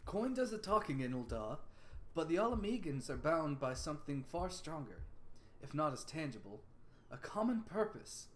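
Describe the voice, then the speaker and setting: A man voicing a measured, grave quest-giving advisor with stately, formal phrasing in a tabletop game. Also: fairly high pitch, big pitch swings, a bit bright, slight background noise. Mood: advising.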